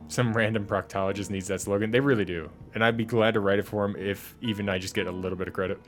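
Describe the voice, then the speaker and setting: Over faint background music, a young man streams himself playing a game and casually jokes and rambles to viewers in let's-play style. His voice is on the low side, with fairly even intonation and a fast pace.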